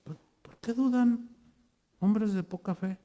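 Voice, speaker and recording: A preacher lifting his voice into a calm gentle male teacher, mild and reproving, raised pitch, sermon retelling. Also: takes it slowly. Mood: mildly reproving.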